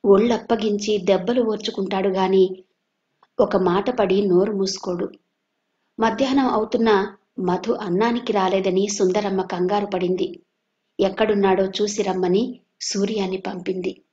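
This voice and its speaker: A woman from Andhra Pradesh, India, narrating a serialized audio novel at a steady, even pace. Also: mid-range voice, normal speed. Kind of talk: storybook narration. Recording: dull lo-fi recording.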